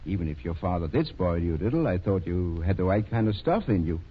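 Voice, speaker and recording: An actor playing a kindly, fatherly older small-town doctor in a 1930s radio drama, speaking a little hesitantly and gently reproving. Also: sits low, animated, quick pace, slightly rough. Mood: reproving, earnest. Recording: muffled 1930s radio recording.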